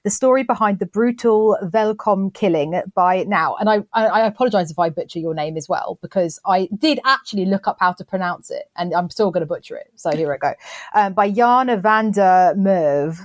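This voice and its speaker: Woman co-host, chatty and self-deprecating, mid-pitched, recorded dry. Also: a little fast, hardly any pauses, dry recording. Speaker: podcast co-host. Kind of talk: casual chat.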